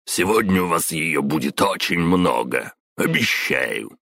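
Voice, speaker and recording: A man voicing an irate, shouting department boss in an audiobook, who barks orders and later pleads in terror. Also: deep voice, sing-song, measured pace, vocal fry, no room sound, studio quality, heavily acted. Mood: cold, curt. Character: irate middle-aged male department boss.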